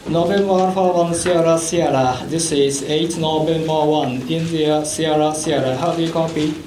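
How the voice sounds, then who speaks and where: A slightly high-voiced man comes through a radio receiver, calling in formal ham radio style. He spells out call signs in measured phrases. The reception is echoey, with a steady hiss behind him. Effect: heard over a radio receiver. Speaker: radio control operator.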